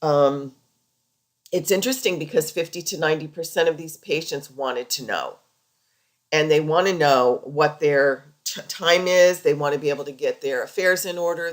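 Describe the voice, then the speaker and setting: A woman lecturing over slides in an informal, conversational and explanatory way, as a healthcare practitioner teaching. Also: low voice.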